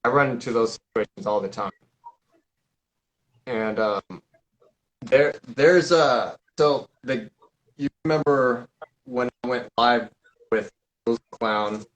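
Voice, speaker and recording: A man chatting on a live stream about his paranormal investigations. His pitch sits at an everyday middle level. He rambles and stalls, restarting sentences often. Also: muffled recording. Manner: rambling, halting, with many fillers and restarts. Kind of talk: casual live-stream chat.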